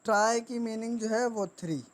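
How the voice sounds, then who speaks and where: A woman teaching grammar. She speaks deliberately and repeats each word for dictation. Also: fairly high pitch. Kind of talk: classroom lesson.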